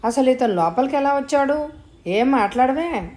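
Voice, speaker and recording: A woman voicing an angry, suspicious young village man who shouts accusations. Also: mid-range voice, normal speed, lightly acted.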